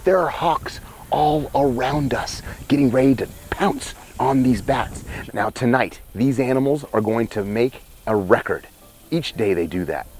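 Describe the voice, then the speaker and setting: A man, hosting a wildlife show outdoors by a cave, presenting with excited, emphatic showmanship on a lapel mic. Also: medium pitch, a little hiss or hum. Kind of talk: enthusiastic outdoor nature presenting. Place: outdoors by a cave in open country.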